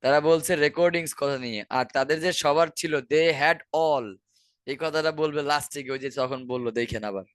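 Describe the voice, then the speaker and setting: A man's voice: a little high, quick pace, few pauses, clear, resonant tone, no room sound. A man with a Bangladeshi accent teaching an online exam-prep class, explaining answers step by step and repeating key words. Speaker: IELTS teacher.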